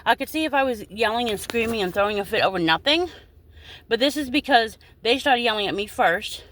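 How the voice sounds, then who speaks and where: A woman's voice: on the high side, animated, fairly quick, fairly bright tone, a little hiss or hum. A woman in her forties, upset and indignant, venting straight to her followers in a video and cursing now and then. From United States. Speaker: vlogger.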